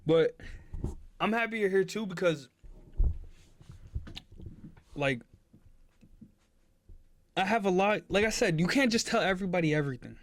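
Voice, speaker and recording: A man's voice: high voice, animated, measured pace, pauses often. Young man, earnest streamer pep talk. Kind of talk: casual live-stream chat.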